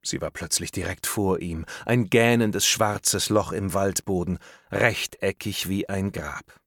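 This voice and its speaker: A man reading a thriller audiobook aloud in a tense, measured storytelling manner. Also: sits low, gravelly, a bit bright, no room sound, studio quality. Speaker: audiobook narrator. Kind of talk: scripted narration of a thriller.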